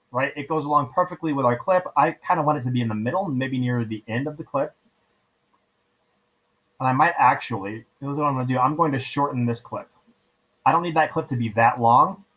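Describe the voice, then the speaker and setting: A man of medium pitch and fairly bright tone gives a casual software tutorial over a screen recording, and the audio quality is low. He moves step by step, goes over things more than once, and frequently checks in with "right?"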